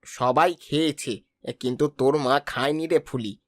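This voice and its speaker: A man's voice: medium pitch, moderate pace, no room sound, natural voice. Man voicing a kindly village father. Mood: calm. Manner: calm, coaxing, stern when wronged. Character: kindly village husband and father, fair-minded. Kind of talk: cartoon voice acting.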